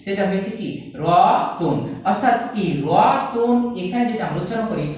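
A man's voice: high-pitched, expressive, very fast, a little mellow, lo-fi sound. A male teacher giving an online lesson at a board, explaining step by step and asking rhetorical questions. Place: classroom with a board. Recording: echoey room, far from the mic.

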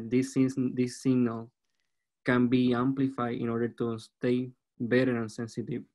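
A man in his twenties with a Puerto Rican accent, giving an academic presentation as a student researcher in a halting way, repeating words. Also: mid-range voice, darkish tone. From Puerto Rico. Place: online video call.

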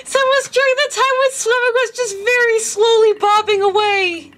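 A woman's voice: extremely high pitch, fairly even intonation, normal speed, a bit bright, faint music behind. A woman streamer chatting casually through a voice changer, giggly and joking, with lots of filler words. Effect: voice changer with a slight delay.

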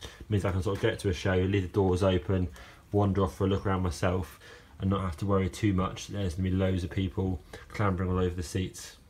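Husky, low, and darkish, this man's voice moves at a quick pace in a monotone. As a car owner vlogger filming a casual how-to vlog on a handheld phone camera in an outdoor garage yard, he rambles through his project with fillers and restarts.

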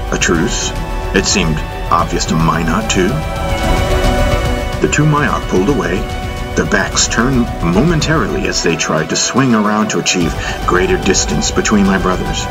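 A man narrating a fantasy audiobook in first person, steady and measured. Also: low-pitched.

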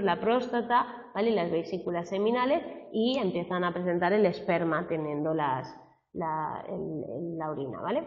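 Spanish teacher lady lecturing, kinda low voice, echoey room, dull muffled recording from far off. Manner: chatty, peppers sentences with "¿vale?" tags. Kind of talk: classroom lecture. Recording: roomy classroom, far from a dull mic.

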